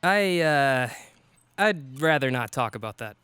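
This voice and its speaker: Man as a calm, easygoing officer, smooth voice, dry and close. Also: medium pitch, unhurried, no room sound. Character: laid-back officer back from the dead.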